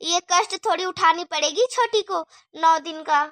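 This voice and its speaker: A lazy, cheeky young daughter-in-law, voiced by a woman, answers back with teasing sarcasm. Her cartoon voice is very high and bright, in a dry, close recording. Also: moderate pace, no echo. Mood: sarcastic.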